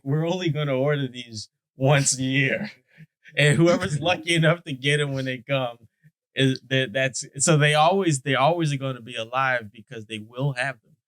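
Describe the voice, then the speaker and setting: A man's voice: on the high side, moderate pace, fairly bright tone, no echo. A man co-hosting a podcast in casual debate chat, blunt, heated and profane. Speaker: podcast co-host.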